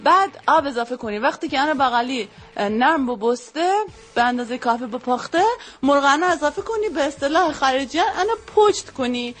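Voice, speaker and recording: A woman's voice: high voice, fairly bright tone. A woman with a Gilaki accent, a contestant explaining a recipe step by step.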